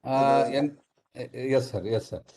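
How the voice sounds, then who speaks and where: A man asking a question in an online seminar, halting and hesitant, his call audio breaking up and cutting in and out. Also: medium pitch, warm tone. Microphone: video call.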